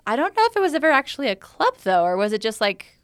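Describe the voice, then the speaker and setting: Young woman co-host, easygoing and giggly, smooth voice, dry close sound, casual chat. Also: a little high, big pitch swings, quick pace, no echo. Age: 20s. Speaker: student co-host.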